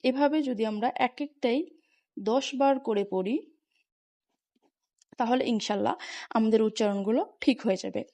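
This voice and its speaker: Slow, patient woman drilling letter sounds. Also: on the high side, warm tone. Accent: Bangladeshi. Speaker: English pronunciation tutor. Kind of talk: slow, deliberate teaching with drilled repetition.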